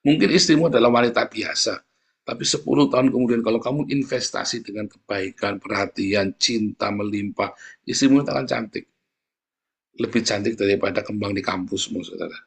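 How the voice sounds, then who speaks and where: A man's voice: medium pitch, breathy edge. A man preaching a sermon, joking with the congregation and often calling out to them directly. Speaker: pastor.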